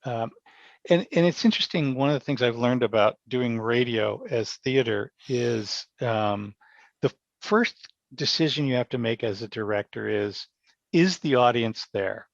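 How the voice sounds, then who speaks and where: Unhurried and conversational, a radio theatre director guesting on a podcast explains how he works, circling back to put his points differently. His mid-pitched voice carries a gravelly edge, and the recording is dry and slightly dull.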